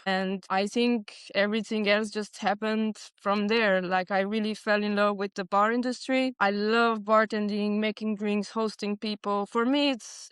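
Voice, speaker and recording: A woman's voice: mid-range voice, clean tone, dry recording. A woman in her forties from Transylvania, a Hungarian native speaker, talking earnestly and reflectively as a podcast guest. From Transylvania, Romania. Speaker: podcast guest, bar consultant. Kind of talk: casual interview chat.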